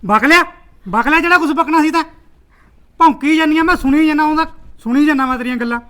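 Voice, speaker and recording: A man's voice: extremely high pitch, fast talker, pushed and bright. A man with a Punjabi accent playing a domineering, scheming maternal uncle who scolds his niece. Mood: scolding. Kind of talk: village drama acting.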